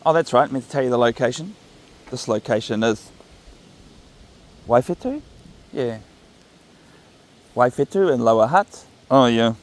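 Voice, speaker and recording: Male vlogger, New Zealand accent, mid-pitched, casual and musing, thinks aloud in an unhurried ramble. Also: animated. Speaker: vlogger walking his dog. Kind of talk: casual rambling vlog narration. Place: outdoors, walking along a path. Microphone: phone recording while walking.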